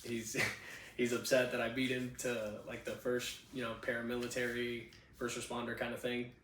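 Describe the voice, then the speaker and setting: This Cuban-born podcast host in his twenties speaks at normal speed in a monotone, medium-pitched, slightly bright voice. He's far from the mic in an echoey room with a little hiss or hum, chatting laid-back personal stories from a spare bedroom with a handheld mic and often tossing in "you know what I'm saying."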